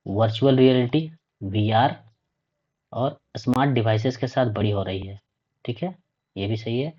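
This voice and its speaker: A man with a slightly mellow, mid-range voice gives a classroom lecture in a dull lo-fi recording. Reading out each point and explaining it, he keeps checking in with 'ठीक है', meaning "okay".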